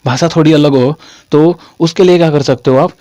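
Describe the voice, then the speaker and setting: A man's voice: on the high side, normal speed, warm tone, no echo. A young man from Haryana teaching a classroom-style lesson in a chatty way, repeating his phrases and calling listeners "brother". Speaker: English teacher.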